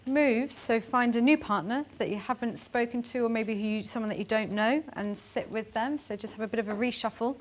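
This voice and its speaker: A woman's voice: fairly high pitch, fairly quick, hardly any pauses. A woman leading a workshop, giving chatty, encouraging instructions for a group exercise and laughing between them. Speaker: workshop facilitator.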